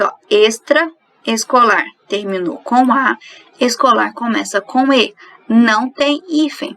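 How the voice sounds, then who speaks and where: A woman's voice: a little high, vocal fry, fairly bright tone, rough recording. A woman teaching a recorded grammar lesson, explaining each rule and then asking and answering her own questions.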